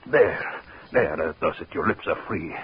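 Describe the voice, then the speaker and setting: An actor playing a vengeful, obsessive husband in a 1940s radio horror drama, brooding and gloating with menace. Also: male voice, low voice, animated, unhurried. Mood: coaxing menace. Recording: muffled, noisy 1940s radio recording.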